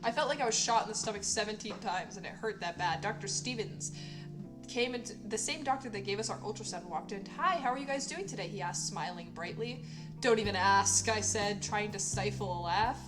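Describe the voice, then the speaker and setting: A woman's voice: medium pitch, fairly quick, over music. Sarcastic young woman reading her fanfic. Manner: sarcastic, self-mocking asides. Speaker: streamer. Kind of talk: reading her old fanfic aloud with commentary.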